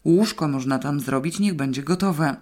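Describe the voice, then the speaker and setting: A woman's voice: sits low, normal speed, a little mellow. A woman reading the part of a level-headed, practical woman friend in a matter-of-fact, decisive way. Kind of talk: audiobook character reading.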